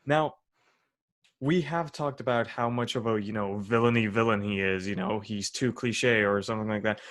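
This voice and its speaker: A man's voice: lowish voice, fairly even intonation, moderate pace, fairly bright tone. A young man co-hosting a podcast in casual chat, rambling with many fillers and restarts. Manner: rambling, full of "you know" and "like". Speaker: podcast co-host.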